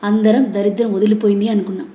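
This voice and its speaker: A scheming young woman with a sneering, sarcastic edge, read by a woman narrator. Her tone is dark and mellow, and the room echoes around her. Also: mid-range voice, flat delivery, racing, muffled recording, lightly acted.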